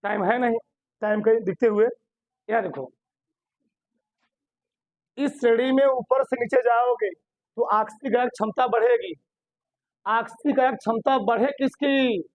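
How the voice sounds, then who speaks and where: A man's voice: extremely high pitch, a little slow, pauses often, no echo. A man teaching a chemistry class in Hindi. He keeps posing questions to his students, answers them himself, and repeats key terms for emphasis. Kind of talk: classroom lecture.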